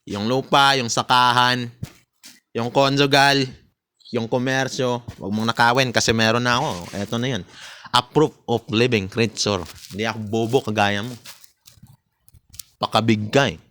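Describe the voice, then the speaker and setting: A man's voice: mid-range voice, fairly even intonation, moderate pace, fairly bright tone. Taunting man ranting. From Philippines. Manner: bitter, taunting, mixes Tagalog with English, laughs between jabs. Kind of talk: casual ranting monologue.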